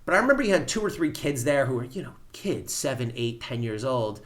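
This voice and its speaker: A man's voice: medium pitch, very animated, fairly quick. A man who was a federal prosecutor, telling stories plainly and vividly as a podcast guest. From United States. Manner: vivid storyteller, plain-spoken. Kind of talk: storytelling in a podcast interview.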